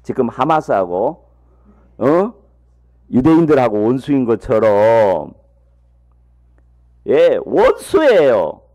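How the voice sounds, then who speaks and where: A man preaching a sermon as a missionary, telling the story in a lively, folksy way and asking his congregation rhetorical questions. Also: mid-range voice, takes it slowly, pauses often, muffled recording. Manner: folksy, humorous asides.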